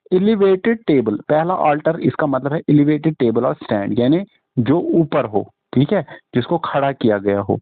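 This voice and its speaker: A man's voice: mid-range voice, dry recording. A man with an Indian English accent teaching an exam-prep lecture, switching between Hindi and English and spelling words out letter by letter. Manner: mixes Hindi and English, frequent fillers and restarts. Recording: dry, tinny phone-like audio.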